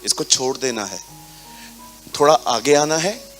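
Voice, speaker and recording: A man preaching a sermon to a congregation, animated, acting out little scenes and mixing words into his talk. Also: mid-range voice, unhurried, faint music behind. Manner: animated, acts out little scenes, mixes English into Hindi. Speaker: pastor. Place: church hall with congregation.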